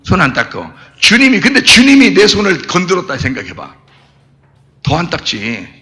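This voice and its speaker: A man preaching a sermon as pastor, animated, jumping between shouts and low asides and quizzing the congregation. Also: moderate pace, big-room sound. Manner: explains Greek words, asks the congregation questions. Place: church.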